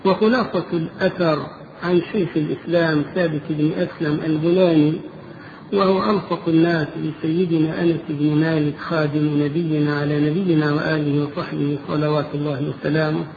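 A man preaching with a high, light voice, recorded on a thin, phone-like line with faint hiss behind him. He tells an old story as a sermon and rises in pitch and volume as it builds. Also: gravelly. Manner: grows louder and higher while retelling the tale.

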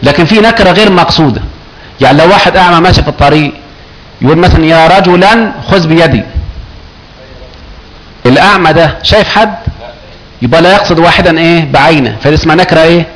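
A man with an Egyptian accent teaching Arabic grammar to a class, quizzing the students and chanting examples slowly. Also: fairly high pitch, a bit bright, low-quality recording.

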